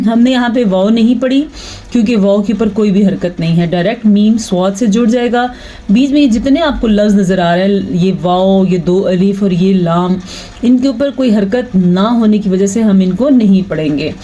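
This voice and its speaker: A woman teaching Quran recitation, explaining patiently and reciting verses in a slow chant. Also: mid-range voice, dark tone, muffled recording. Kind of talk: online tajweed lesson.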